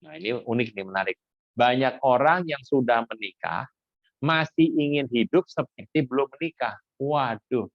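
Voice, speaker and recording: A man's voice: mid-range voice, animated, moderate pace, gravelly, no echo. Man preaching conversationally, dry dull sound. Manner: conversational, asks the congregation questions, frequent exclamations. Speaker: pastor. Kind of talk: sermon.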